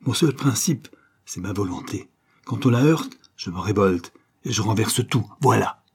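A man doing a raspy villainous banker. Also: on the low side, lively intonation, normal speed, warm tone. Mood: furious. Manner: scornful, threatening outbursts. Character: cynical, vengeful middle-aged male banker villain.

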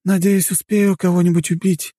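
A bold woman with a taste for violence speaks curtly and with sarcasm in a high voice, as a male audiobook reader puts her on. The tone stays dark and dry, recorded close. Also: level tone, normal speed, dry recording. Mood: sarcastic. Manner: curt, sarcastic. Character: bold, bloodthirsty adult woman guest, curt and sarcastic.

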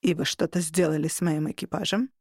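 A woman voicing a mild, hesitant male android starship captain, with halting, uncertain speech. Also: deep voice, steady tone, a little mellow, slightly rough, no room sound, studio quality, voice pushed down.

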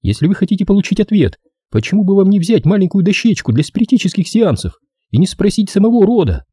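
A man reading a storybook, voicing a sharp-tongued, anxious young woman in a raised voice. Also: high voice, sing-song, fast talker, breathy edge, no echo, clean studio sound, pitched above the performer's own voice, heavily acted. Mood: agitated.

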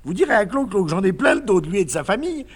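A man's voice: high voice, very animated, very fast, a little hiss or hum. A man playing a naive, doting man who fusses tenderly over a woman, in a 1950s stage comedy recording. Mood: coaxing, playful. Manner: tender, fussing and chattering. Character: doting, fussy, naive middle-aged man.

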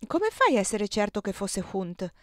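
A woman's voice: mid-range voice, big pitch swings, moderate pace, fairly bright tone, no echo, studio quality. Firm, worried lady of the house, read by a woman.

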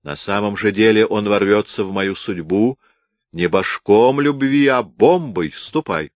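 A man's voice: lowish voice, measured pace, dry recording, voice pushed up, lightly acted. A man voicing a cunning, mocking count in a historical audiobook. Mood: sly.

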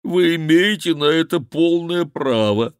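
A man voicing a fat, cowardly male monk who wails and pleads loudly, in a high, drawn-out voice in an audiobook. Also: clear, resonant tone, dry recording, clean studio sound, natural voice. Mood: pleading. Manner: wailing, pleading, loud lamenting.

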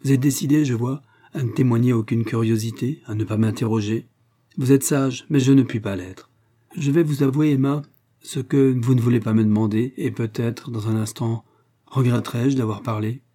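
A man reading an earnest, grave gentleman suitor. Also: medium pitch, steady tone, moderate pace, lightly acted. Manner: grave and earnest, rising in warmth. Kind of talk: audiobook character reading.

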